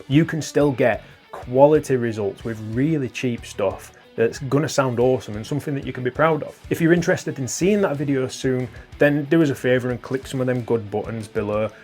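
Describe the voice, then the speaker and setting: Young british dude chatting guitar gear to camera, swears a lot, laughs at himself. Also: male voice, mid-range voice, a little fast, a little mellow. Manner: chatty, swears casually, laughs at his own jokes. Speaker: guitar channel host. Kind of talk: casual gear talk to camera.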